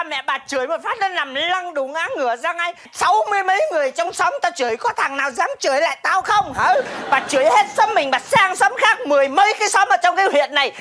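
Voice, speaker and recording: A brash Northern village gossip. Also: female voice, sits high, fairly bright tone, breathy edge, heavily acted. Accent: Northern Vietnamese. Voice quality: theatrical, drawn-out and melodramatic. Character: loud-mouthed gossiping village woman. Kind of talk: stage comedy sketch.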